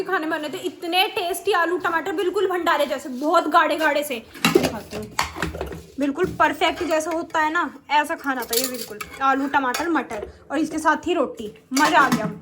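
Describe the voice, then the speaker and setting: A woman's voice: sits high, lively intonation, normal speed, noisy background. A young woman chatting through a casual family vlog, narrating with laughs. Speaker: family vlogger.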